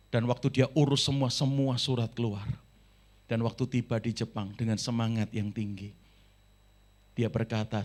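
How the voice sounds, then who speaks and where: Animated pastor with gravelly voice. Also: male voice, medium pitch. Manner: animated storytelling, swings loud and soft, acts out voices. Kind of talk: sermon. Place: church service.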